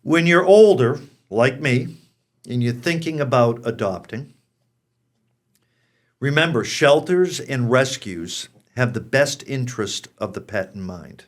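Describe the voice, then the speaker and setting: American man in his sixties, mid-pitched host. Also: lively intonation, a little slow. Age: 60s. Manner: frank, direct address to viewers. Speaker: pet show host. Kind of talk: conversational show presenting.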